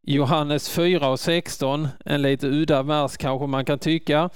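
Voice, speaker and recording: A man delivers a sermon in an earnest, emphatic way. His voice sits fairly high and sounds smooth and resonant. The recording is dry and close. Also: fairly even intonation, no room sound. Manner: earnest, rising to loud calls on quoted words. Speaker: preacher.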